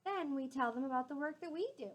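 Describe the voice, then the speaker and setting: This high-voiced woman moves at a quick pace as she reads a picture book to young kids. She is expressive and teacherly, slipping in easy explanatory asides.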